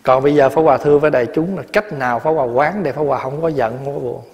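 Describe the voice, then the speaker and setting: A man in his forties with a Southern Vietnamese accent giving a dharma talk in a temple hall, telling stories in a lively way and often laughing. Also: medium pitch, rapid-fire, highs cut off. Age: 40s. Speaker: Buddhist monk and abbot. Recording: long hall reverb.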